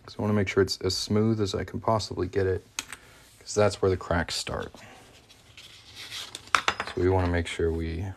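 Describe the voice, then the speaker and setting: A man's voice: low voice, level tone, moderate pace, creaky, long pauses, fairly bright tone. A man chatting casually while demonstrating craft work live and answering viewer comments. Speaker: coin ring maker streaming live. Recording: noisy workshop live stream. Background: workshop tool noise, sanding and clicks.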